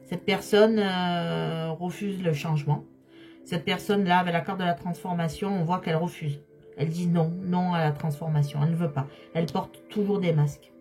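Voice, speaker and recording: A slightly hoarse woman giving a tarot reading, speaking straight to her viewers and repeating key phrases for emphasis. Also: fairly low pitch, steady tone, normal speed, a little mellow, faint music behind. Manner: repetitive, emphatic, addresses viewers directly. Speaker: tarot card reader.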